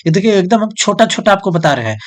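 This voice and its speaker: A man's voice: sits high, sing-song, fast talker. A male teacher who explains step by step, asking questions and answering them himself. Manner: repetitive question-and-answer teaching, "jo hai so" filler. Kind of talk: whiteboard lesson.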